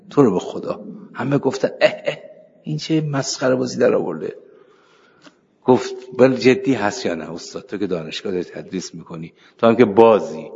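A man's voice: lowish voice, gravelly, husky. A middle-aged man, a cleric, giving an informal religious lecture, telling anecdotes, reciting scripture and chuckling now and then. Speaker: cleric teaching seminary students. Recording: echoey hall, dull lo-fi sound.

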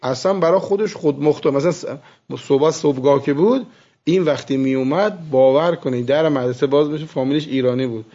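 A man teaching seminary students, lecturing with animated storytelling and soft asides. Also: fairly high pitch. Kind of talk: classroom lecture with anecdotes. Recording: muffled lo-fi recording.

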